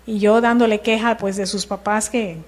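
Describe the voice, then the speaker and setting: A middle-aged woman, telling her personal testimony in church in a lively storytelling way. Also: medium pitch, moderate pace. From Mexico. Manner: lively storytelling, acting out dialogue. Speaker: church member giving testimony.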